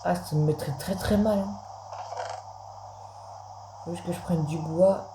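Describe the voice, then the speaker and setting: A man's voice: high voice, steady tone, measured pace. A man giving casual gameplay commentary, chatting straight to his viewers as a gaming video creator. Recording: roomy echo, faint background noise.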